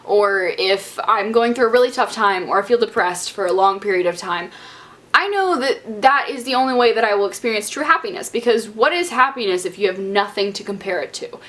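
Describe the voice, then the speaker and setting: A woman's voice: medium pitch, animated, fairly quick, a bit bright. Bubbly chatty young woman vlogger. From Southern US. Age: young adult. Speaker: beauty vlogger. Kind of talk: casual Q&A vlog.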